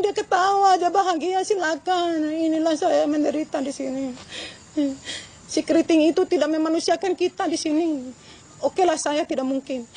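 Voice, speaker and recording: Older woman, tearful and indignant, very high, warm and gravelly; faint noise. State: crying. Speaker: interviewee. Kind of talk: emotional interview testimony.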